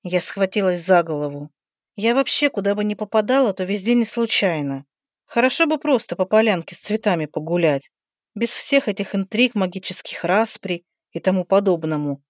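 A woman's voice: medium pitch, animated, moderate pace, dry recording, studio quality. Woman narrating a fantasy audiobook.

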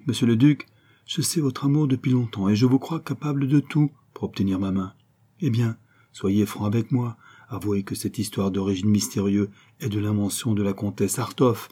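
A cunning young adventurer posing as a nobleman, played by a man reading a novel aloud, coaxing and confiding as he lays out his schemes. His voice sits low, with a dark, mellow warmth and a husky edge. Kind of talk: audiobook character reading.

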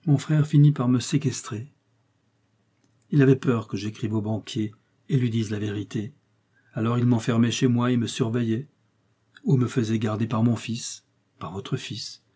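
A man's voice: mid-range voice, fairly even intonation, moderate pace, long pauses, warm tone, husky, close to an everyday voice. A man voicing a sick, bedridden mother who tells her sorrows in a fearful, grieving way, read as an audiobook story. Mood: sorrowful.

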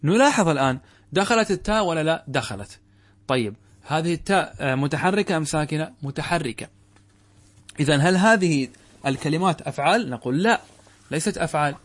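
A man teaching a classical Arabic grammar lesson as a sheikh, asking questions and answering them himself, repeating key words and slowing down to intone quoted verses. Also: fairly high pitch, expressive.

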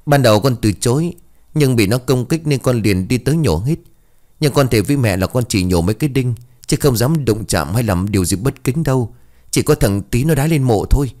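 A man's voice: medium pitch, lively intonation, a little fast, a little mellow, pitched above the performer's own voice, natural voice. A man voicing a frightened, crying village boy who talks in tearful pleas. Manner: tearful, pleading.

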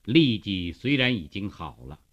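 A man tells a long novel for radio, taking his time over every phrase. His voice leaps between soft low murmurs and loud high declamation. The sound is slightly dull, like an older broadcast. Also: sing-song, measured pace. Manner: emphatic, swinging from hushed to loud declamation. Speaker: radio storyteller. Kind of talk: dramatic radio novel reading.

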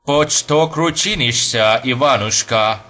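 A man's voice: medium pitch, sharp tone, a little hiss or hum. A man doing a sly grey-haired tempter with an American accent. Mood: coaxing. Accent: light American accent. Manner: slow, broken archaic speech.

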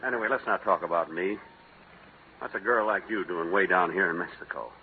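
A man's voice: low-pitched, fairly quick, pitched below the performer's own voice. Male actor as down-and-out American drifter, weary and self-pitying, radio comedy sketch, thin noisy vintage sound. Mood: downcast. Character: hungry, penniless, downcast American drifter. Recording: scratchy narrow-band 1940s radio recording.

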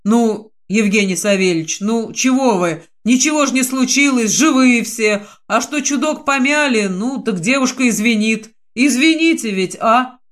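A woman voicing an awkward, apologetic burly male security chief who speaks slowly and fumblingly. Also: a little high, animated.

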